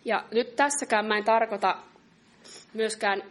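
A woman's voice: fairly high pitch, a bit bright. Earnest woman preaching a sermon. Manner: earnest, measured, reads scripture slowly.

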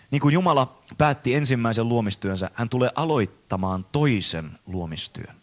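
Male preacher, earnest sermon delivery, slows down for emphasis. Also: mid-range voice. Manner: earnest, measured preaching with slowed emphasis on key phrases.

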